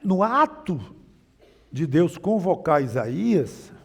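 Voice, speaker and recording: Emphatic Brazilian preacher man, gravelly voice. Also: high voice, very animated, slow, in a large hall. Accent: Brazilian Portuguese. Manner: emphatic, varies volume and pace, mimics mocking voices. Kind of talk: sermon.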